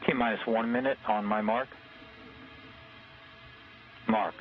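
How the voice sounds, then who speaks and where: Low band-limited mission control radio countdown, man. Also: fairly even intonation, takes it slowly, lo-fi sound, slight background noise. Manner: clipped, procedural short calls.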